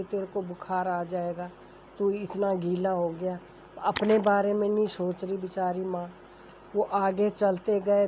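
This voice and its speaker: A woman's voice: medium pitch, warm tone, rough recording. A woman telling a family folk story in a plain, homely, conversational way. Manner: plain homely telling, voices characters lightly without changing voice. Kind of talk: casual oral storytelling. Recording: faint background noise.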